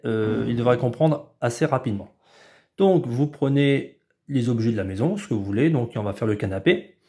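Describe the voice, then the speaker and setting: A male preschool teacher recording a lesson for parents at home, with a mid-range voice. He explains patiently and step by step, now and then drawing words out slowly to show how it's done. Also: medium pitch, mellow. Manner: patient, explanatory, drawn-out syllables when demonstrating. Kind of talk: instructional video for parents.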